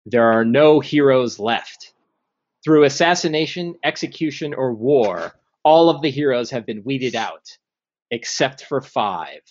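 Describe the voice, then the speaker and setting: A man's voice: medium pitch, muffled recording. A man working as game master, giving dramatic narration for a tabletop fantasy game.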